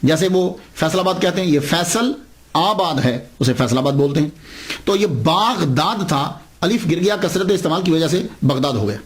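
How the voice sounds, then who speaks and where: A man's voice: a little high, animated. A man telling a saint's story as a sermon, acting out the dialogue with big swings in his voice. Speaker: Islamic preacher.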